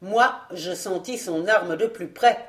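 A woman's voice: fairly low pitch, measured pace, echoey room, lightly acted. Woman doing a sly ex-acrobat servant. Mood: wry. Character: sly male ex-acrobat servant, cool and wry.

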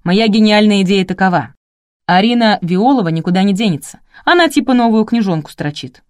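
A man's voice: high voice, expressive, fairly quick, no echo, studio quality. A woman reading the part of a brash young male PR manager in an audiobook, cocky and slangy. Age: young adult.

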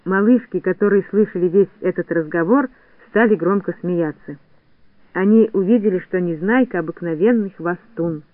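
A man with a high voice reads a children's story aloud in a lively, expressive manner. The recording is narrowband and tinny like a phone line, and completely dry. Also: moderate pace, no echo. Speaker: audiobook narrator.

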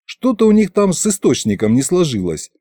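Man with a lively, warm storytelling voice. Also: on the high side, brisk, no echo. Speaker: audiobook narrator. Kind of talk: first-person audiobook narration.

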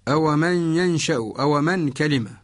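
A man giving a radio lesson on a verse poem, citing example words slowly and drawn out, in a methodical way. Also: fairly high pitch, no room sound, studio quality. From Mauritania. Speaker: Quran orthography teacher. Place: radio studio.

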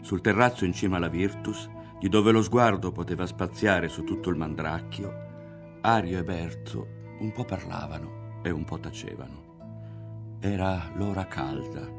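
Deep-voiced man reading a novel. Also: over music. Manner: measured, expressive reading. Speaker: audiobook reader. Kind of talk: literary narration.

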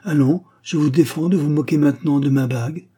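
A man voicing a cheerful, modest young seamstress who teases gently. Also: a little high, a little fast, breathy edge, pitched above the performer's own voice. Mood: cheerful, scolding.

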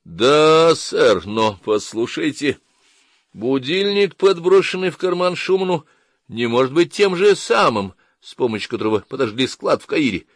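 An eager, worried man raises his voice to object urgently, as a male audiobook reader plays him. The line sits higher than the narration and comes out strong, in dry audiobook sound. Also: big pitch swings, moderate pace, no echo. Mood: insistent.

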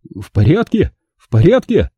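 A man's voice: fairly high pitch, wildly swooping pitch, moderate pace, mellow, breathy edge, dry recording, muffled recording, pitched above the performer's own voice, heavily acted. A man voicing a fussy, irritable male partner in a storybook reading, snappish and testy. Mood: anxious.

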